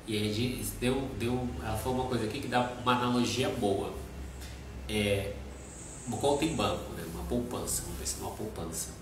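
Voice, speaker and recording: A man co-hosting a live stream, explaining step by step with everyday examples in a relaxed chat. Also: medium pitch, brisk. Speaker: nutrition live stream co-host. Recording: very echoey room, mic at a distance, background noise.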